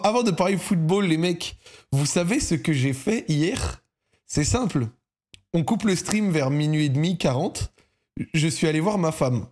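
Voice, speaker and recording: Young Parisian male streamer, loose slangy storyteller, voice sits high. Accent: Parisian French. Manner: slangy, animated, laughs while telling stories. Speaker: streamer hosting a football debrief. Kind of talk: casual storytelling monologue to viewers.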